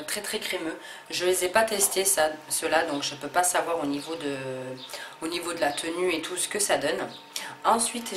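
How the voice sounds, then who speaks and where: Low-voiced woman, hesitant haul vlog. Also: a bit bright, a little hiss or hum. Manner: hesitant, many fillers and restarts. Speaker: beauty vlogger. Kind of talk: casual haul video. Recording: echoey room with faint ambience.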